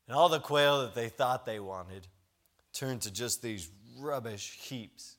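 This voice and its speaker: A man's voice: mid-range voice, slow pace, a bit bright. A man preaching a sermon, retelling a story in a conversational, emphatic way.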